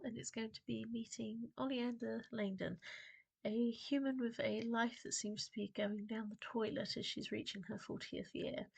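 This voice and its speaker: Croaky woman reading a story aloud; gravelly, posh delivery. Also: fairly high pitch, dry recording.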